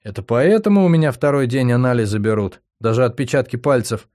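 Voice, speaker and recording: Guy doing a chirpy young woman in a hospital, stubborn, pleading, kinda dark tone. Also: mid-range voice, brisk, lightly acted. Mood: frightened, pleading. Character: cheerful young woman patient, stubborn, fragile.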